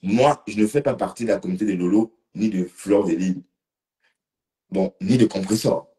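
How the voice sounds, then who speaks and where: A man's voice: lowish voice, moderate pace, mellow. A man a bit tipsy, rambling casually on a live stream and talking to commenters by name. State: slightly tipsy.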